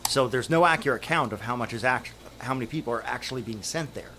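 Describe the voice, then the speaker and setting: A man as a podcast guest, calmly explaining things in casual chat. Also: medium pitch, fast, slight background noise.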